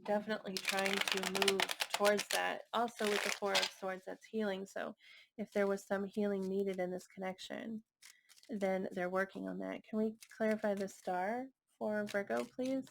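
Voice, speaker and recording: A woman giving a casual tarot reading in a gentle, musing way. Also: medium pitch, flat delivery, normal speed, vocal fry, background noise. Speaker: tarot reader.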